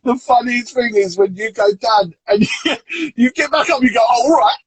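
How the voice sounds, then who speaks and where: A man's voice: extremely high pitch, moderate pace, slightly rough, no echo, rough recording. A man hosting a casual chat, teasing his guest and laughing often. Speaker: host, team manager.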